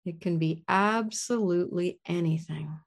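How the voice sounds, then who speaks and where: Slow, soft-spoken woman guiding meditation. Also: on the low side. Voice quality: soft and soothing. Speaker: meditation guide. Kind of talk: guided meditation.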